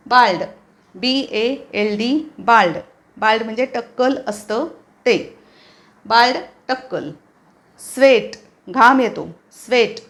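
A woman with a Marathi accent teaching English vocabulary, spelling each word out letter by letter and explaining it plainly. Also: fairly high pitch. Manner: spells words out letter by letter, slow and careful. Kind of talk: vocabulary lesson.

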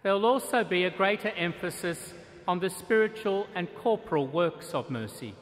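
A middle-aged man preaching a measured, solemn sermon with deliberate pauses as an archbishop at a cathedral lectern. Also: high-pitched, fairly bright tone. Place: large stone cathedral, at a lectern. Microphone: lectern microphone. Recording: long cathedral reverb.

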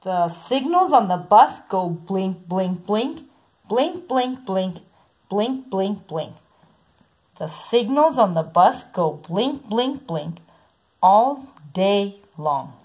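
A woman reading a children's picture book aloud in a slow, sing-song way, saying the repeated sounds softly. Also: mid-range voice, sing-song, husky. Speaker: storybook reader.

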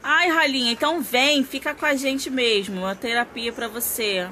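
A woman's voice: fairly high pitch, normal speed, bright, forceful tone, a little hiss or hum. A woman hosting a casual craft live stream, chatting with viewers and greeting them by name.

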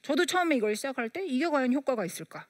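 A woman's voice: high voice, big pitch swings, rapid-fire, no echo, studio quality. A woman giving a lecture on parenting, telling stories and acting out the dialogue in quoted voices. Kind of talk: storytelling lecture.

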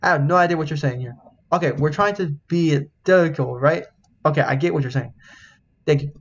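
A man's voice: a little high, a little fast, lo-fi sound. A man casually reading a game's dialogue aloud while he plays, swearing, laughing and yelping when something startles him. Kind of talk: casual let's-play commentary.

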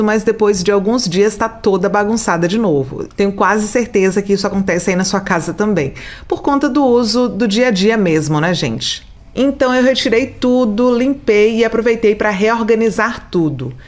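A woman's voice: medium pitch, moderate pace. Chatty Brazilian woman narrating home cleaning. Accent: Brazilian Portuguese. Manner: chatty, addresses viewers directly. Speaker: home organization vlogger.

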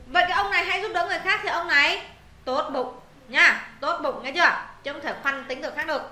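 A woman's voice: high-pitched, fast talker, bright, forceful tone, roomy sound. A woman English teacher, walking students through exam answers, repeating words and checking they follow. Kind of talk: exam answer walkthrough lesson.

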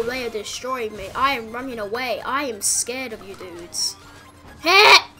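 A high-pitched woman hosts a gaming channel, delivering excited commentary on the gameplay and breaking into shouts and yelps as the action unfolds.

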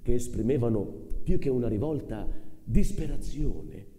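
A male actor giving an expressive, measured dramatic reading of a literary story at a live event in a concert hall. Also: medium pitch. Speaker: actor narrating a story on stage. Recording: long hall reverb with cello music.

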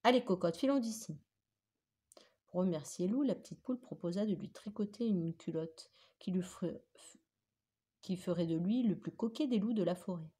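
A woman teacher reading a children's story aloud with animated, expressive storytelling. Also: on the low side, normal speed, husky.

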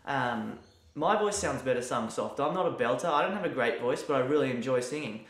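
A man's voice: mid-range voice, brisk. Chatty man teaching in an echoey room. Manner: relaxed, chatty, demonstrates by singing and vocalising. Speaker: piano and music teacher. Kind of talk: casual video lesson. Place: room at home during lockdown. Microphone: mic near the camera.

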